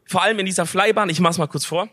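A young man co-hosting a live podcast on stage, telling a story in excitable, slangy casual chat. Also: sits high, very fast. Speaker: podcast co-host. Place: stage in a concert venue. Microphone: handheld stage mic.

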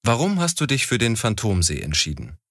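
Guy reading interview questions, lowish voice, swings up and down a lot, dry close sound. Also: huge pitch swings, a little fast, a bit bright, no room sound. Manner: plain, clearly phrased questions.

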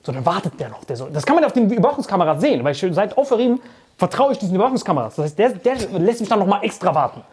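A man telling a story in a casual podcast chat, animated and full of swearing and mocking impressions. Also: sits high, husky. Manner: fast bursts, often laughing.

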